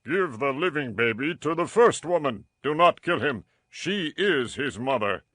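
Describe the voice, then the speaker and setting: King Solomon, bright, earnest voice. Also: fairly high pitch, lively intonation, measured pace, dry recording. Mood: firm. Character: wise, authoritative young king of ancient Israel. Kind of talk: dramatized scripture reading.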